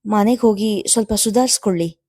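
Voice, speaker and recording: A woman's voice: medium pitch, fairly quick, mellow, dry recording, close to an everyday voice. A woman reading the lines of a practical, caring middle-aged woman coaxing her family.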